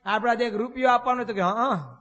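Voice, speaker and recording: A man's voice: very high-pitched, fairly quick, a bit bright, dull audio. A man, a swami preaching in a temple hall, telling folksy stories full of rhetorical questions. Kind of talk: storytelling sermon. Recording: long hall reverb.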